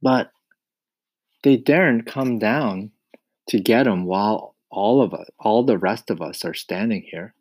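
A man voicing a calm, resourceful young boy in a storybook reading, earnestly explaining a plan. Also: on the low side, a little slow, no room sound, voice pushed up.

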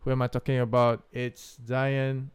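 A man's voice: mid-range voice, little pitch movement, a little slow, slight background noise. A man with a Malaysian accent, hosting a casual, chatty interview podcast. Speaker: podcast host.

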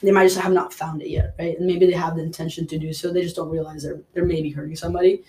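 Talking fast with a warm tone and flat delivery, a young man from Mexico with a slightly high voice appears as a guest in a relaxed podcast interview. He's a personal trainer who rambles, piling up fillers and saying "like" constantly.

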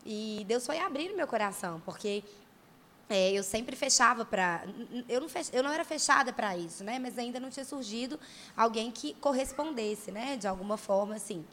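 Bright-voiced woman pastor telling a story. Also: a little high, a little fast, a little hiss or hum. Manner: chatty, animated, frequent tag questions. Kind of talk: casual storytelling.

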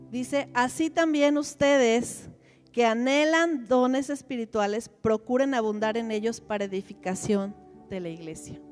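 Mujer predicadora de voz aguda. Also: female voice, fairly high pitch, a little mellow. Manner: asks the audience questions, repeats words. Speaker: seminar teacher. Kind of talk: church teaching.

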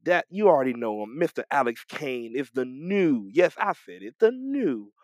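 A man co-hosts a podcast in loose, casual chat. His pitch moves a lot, and he often trips over words and restarts his sentences. His voice is recorded dry and close. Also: normal speed, no room sound. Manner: animated, stumbling restarts and repeated words. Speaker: podcast co-host. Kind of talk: casual wrestling talk.

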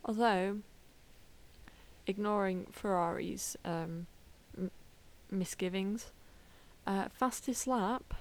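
Woman chatting on a podcast, slow pace, giggly, loses her thread. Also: medium pitch. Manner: chatty, laughs often, trails off mid-sentence. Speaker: podcast co-host. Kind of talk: casual chat.

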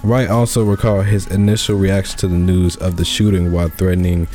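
Keep it loose and slangy, a man chatting on his own podcast, warm and low. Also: flat delivery, fairly quick, faint music behind. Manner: laid-back, slangy, laughs often. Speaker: podcast host. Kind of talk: casual podcast chat.

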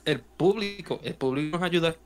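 A man's voice: fairly high pitch, normal speed. A young man chatting casually and switching between Spanish and English. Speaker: panelist. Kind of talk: casual chat.

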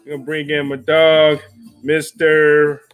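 A man's voice: on the high side, completely flat delivery, a little slow. A man hosting a live stream show in a casual, laid-back way, greeting viewers by name and using easy slang. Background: jazz music playing softly.

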